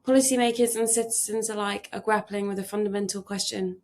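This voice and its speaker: Female podcast host, gravelly, measured interviewer who hedges her questions. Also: mid-range voice, steady tone, darkish tone. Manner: reads a formal introduction, then asks questions with hedging restarts.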